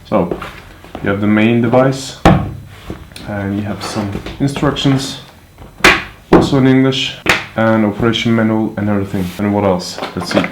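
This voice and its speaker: Handling the items as he goes, a product reviewer thinks aloud through a casual unboxing and demo, keeping things informal and offhand. His voice is on the low side at a moderate pace, and the room is echoey, with clicks and handling noise.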